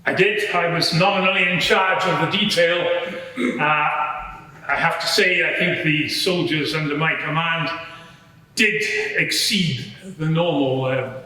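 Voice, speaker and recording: With a fairly high, steady, bright and forceful voice, a man gives testimony as a matter-of-fact Roman soldier at a dramatised inquiry held before a live audience. He explains in a measured way, with slight hesitation. The setting, a large courtroom in a public building, is very echoey.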